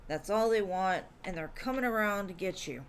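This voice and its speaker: Female tarot streamer, relaxed and chatty, mid pitch, light background hum. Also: moderate pace. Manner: chatty, says "like" and "um" often, calls viewers "love". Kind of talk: casual live-stream tarot reading.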